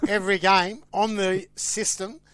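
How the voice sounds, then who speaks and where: A man's voice: high-pitched, level tone, a little slow, a bit bright, clean tone, dry recording. An Australian man hosting a casual sports podcast, announcing news with upbeat emphasis. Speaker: podcast host.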